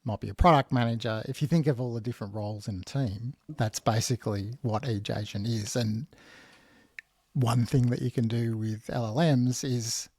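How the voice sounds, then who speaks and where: A man with a middle-pitched voice explains technical ideas on a casual podcast, working through them step by step. His voice is close and dry, with no room sound. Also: steady tone, moderate pace, a little mellow, slightly rough, dry recording. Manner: explains step by step, thinking aloud with many restarts. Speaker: podcast co-host.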